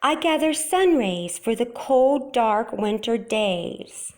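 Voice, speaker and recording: A woman voicing a calm, dreamy male field mouse poet in a children's storybook, speaking simply and deliberately. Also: on the high side. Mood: calm, simple. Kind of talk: children's storybook read-aloud.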